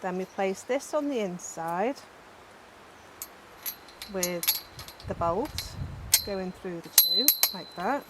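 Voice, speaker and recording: A woman's voice: mid-range voice, lively intonation, slow pace, pauses often. A woman with a Scouse accent explaining a garden build in a chatty, blunt, self-deprecating way, recorded outdoors in a rural garden. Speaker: vlogger. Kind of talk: casual how-to narration. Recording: outdoor recording with loud background noise. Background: cows and a passing plane.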